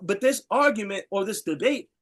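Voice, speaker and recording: A man's voice: high-pitched, expressive, normal speed, fairly bright tone. A man in a heated casual podcast debate, argumentative and peppering his talk with "bro" and "yo".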